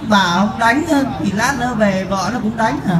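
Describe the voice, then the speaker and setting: A woman's voice: fairly high pitch, moderate pace, reverberant, over a noisy crowd, natural voice, low-quality recording. A woman playing a teasing male neighbor who mocks the wife's drinking husband in a live comedy skit. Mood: mocking. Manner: dry, teasing, mocking.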